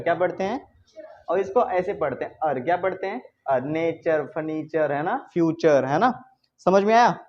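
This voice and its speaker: A man's voice: sits high, darkish tone. A male teacher giving a classroom-style pronunciation lesson, constantly quizzing his students and checking that they understand. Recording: dull lo-fi recording with faint background noise.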